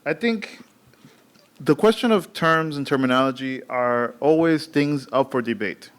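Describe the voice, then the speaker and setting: A man who gives the lecture, calmly gathering audience questions and starting his answers in a plain, easygoing way. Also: medium pitch, measured pace, clean tone. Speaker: lecturer and moderator of the talk.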